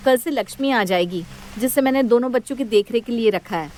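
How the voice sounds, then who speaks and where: A woman's voice: on the high side, fairly quick, darkish tone, slight background noise, lightly acted. A woman voicing an earnest young working mother and daughter-in-law in a cartoon story.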